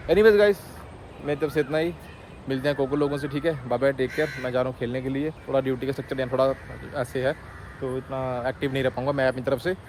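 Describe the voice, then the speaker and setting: A man's voice: mid-range voice, fairly even intonation, quick pace, a little mellow, slight background noise. A man talking casually to his viewers in a vlog, switching from mock scolding to easy chatter. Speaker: vlogger.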